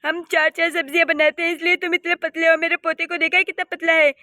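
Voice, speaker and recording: Woman doing a scolding old village mother-in-law for a cartoon, high bright voice, dry sound. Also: flat delivery, fast talker, no echo. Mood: complaining. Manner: scolding, complaining. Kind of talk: cartoon voice acting.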